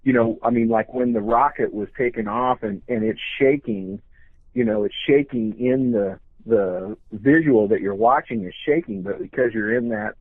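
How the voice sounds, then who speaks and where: An older man speaks in a casual, earnest and halting way, repeating phrases as he reflects. The voice is mid-pitched, on a dry, thin, phone-like recording. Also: no echo.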